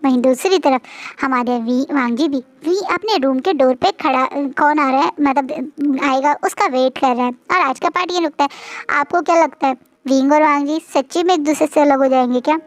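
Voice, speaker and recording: A woman's voice: high voice, moderate pace, dry recording. A woman narrating and explaining a fan fiction story in a chatty way, with frequent hesitations.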